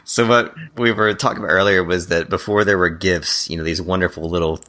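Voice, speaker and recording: A man's voice: low voice, steady tone, a little fast, bright, forceful tone. A man co-hosting a podcast, chatting casually and animatedly, retelling scenes and quoting lines. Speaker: podcast co-host. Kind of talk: casual chat about bad movies.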